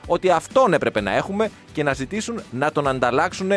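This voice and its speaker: Lively man in joking radio banter. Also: a little high, faint music behind. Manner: playful, riffs on jokes with quick agreement. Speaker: radio co-host.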